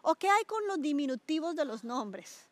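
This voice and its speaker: A woman's voice: high voice, normal speed, dry recording. A middle-aged woman pastor from Colombia, preaching in a conversational way and asking her listeners questions. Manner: animated, asks listeners questions, stretches words for emphasis. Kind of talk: conversational sermon to a small group.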